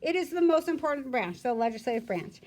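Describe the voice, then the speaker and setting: A woman's voice: high voice, sing-song, fast talker, darkish tone. A woman teacher reading a textbook aloud to her class and explaining it in plain, simple words as she goes. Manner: explanatory, breaks down points for students in plain words. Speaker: school teacher.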